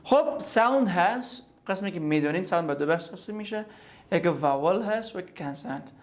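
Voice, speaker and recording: A man with an Afghan Dari accent teaching a pronunciation lesson, patient and repetitive, sounding out consonants aloud to demonstrate them. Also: on the high side. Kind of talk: explanatory online lesson.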